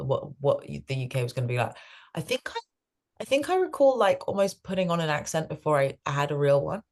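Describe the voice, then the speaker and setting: Low-voiced thoughtful woman guest. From grew up between the US and the UK. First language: Farsi. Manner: thoughtful, self-correcting. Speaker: guest, behaviour change specialist. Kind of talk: conversational interview answers.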